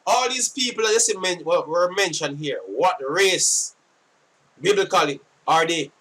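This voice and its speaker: A Jamaican man giving casual sitdown commentary on scripture, forceful and scolding, often repeating himself. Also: high voice, measured pace, distant mic. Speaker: religious commentator.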